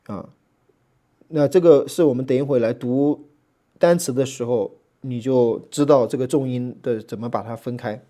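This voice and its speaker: Guy teaching greek letters and accents, dark mellow voice, chatty, lots of uh and ah, slows way down to spell stuff out. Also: mid-range voice. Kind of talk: relaxed classroom lecture.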